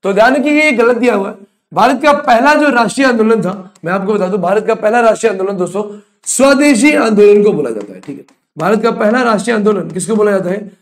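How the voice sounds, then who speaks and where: High-voiced male exam teacher. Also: lively intonation, fast talker. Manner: quizzing students, answering his own questions; blunt, scolding students. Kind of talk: online exam coaching lecture.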